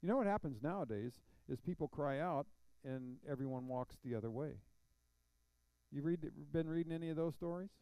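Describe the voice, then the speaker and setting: A man's voice: fairly high pitch, brisk, mellow, smooth, dry recording, poor audio. A man teaching an adult Bible class, reading scripture aloud and explaining it with questions to the class. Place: church classroom.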